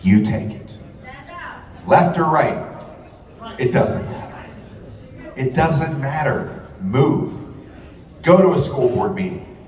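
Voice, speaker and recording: This man's medium-pitched voice has lively intonation, and he talks slowly with frequent pauses. A radio host addressing a rally, he repeats himself and swears heavily in an impassioned speech inside a large event hall, captured far off amid echo and a roaring crowd.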